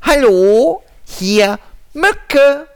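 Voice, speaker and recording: A man squeaking as a cheeky little mosquito. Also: sing-song, very slow, full character voice. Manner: high squeaky repeated phrase. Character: tiny cheeky female mosquito, thirsty and stubborn.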